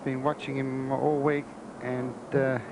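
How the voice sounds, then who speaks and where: A man's voice: mid-range voice, flat delivery, unhurried. A man giving golf commentary on a television broadcast. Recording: noisy outdoor 1980s TV broadcast.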